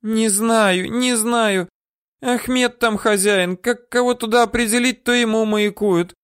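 A man's voice: high voice, steady tone, unhurried, fairly bright tone, clean tone, no room sound, clean studio sound, voice pushed up. A man voicing a frightened, whimpering woman for an audiobook, her voice whiny, squealing and pleading. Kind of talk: audiobook character voice.

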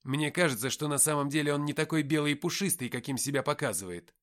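A man's voice: on the high side, fast, fairly bright tone, voice pushed up, close to an everyday voice. A man reading an audiobook voices a cheeky, mocking young man who teases his companions. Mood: doubtful. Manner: teasing, flippant.

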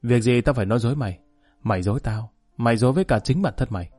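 A man's voice: mid-range voice, rapid-fire, a little mellow, faint music behind, natural voice. A man reading a proud gang boss. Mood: defiant. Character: proud, stubborn male gang boss, addicted.

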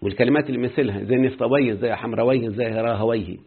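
Husky Egyptian teacher on lo-fi audio. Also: male voice, mid-range voice, steady tone, racing. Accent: Egyptian Arabic. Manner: quizzes students often with rhetorical questions. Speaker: Arabic grammar teacher. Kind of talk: classroom grammar lesson. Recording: muffled phone-like lo-fi audio.

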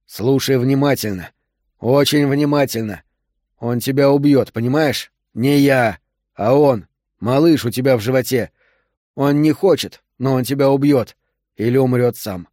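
Gruff male doctor under pressure, urgent commands, dry close sound, read by a male narrator. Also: medium pitch, measured pace, a little mellow, no echo, natural voice. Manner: barking urgent orders. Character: male doctor forced into emergency surgery, gruff, bossy.

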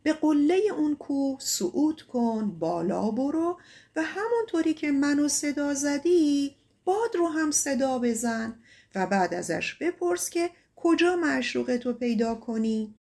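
A woman's voice: sits high, animated, creaky, mellow. The wise moon, as a woman reads it. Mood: calm guiding. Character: wise moon, vizier of the fair ones.

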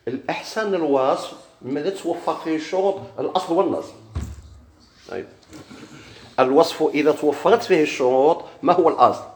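A man's voice: a little high, expressive, fairly quick, pauses often, a little hiss or hum. A man with a Moroccan Arabic accent teaching a grammar lesson in a classroom, putting questions to his students and then answering them himself. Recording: echoey room.

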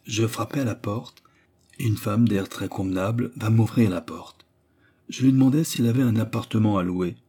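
A man narrating a literary short story as an audiobook reader, in a measured storytelling delivery. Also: lowish voice, warm tone, slightly rough.

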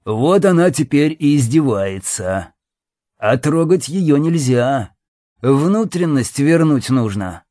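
A man's voice: mid-range voice, animated, takes it slowly, warm tone, no echo, studio quality. A man reading an audiobook, voicing a coarse, jeering male gang boss. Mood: crude. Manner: crude, jeering.

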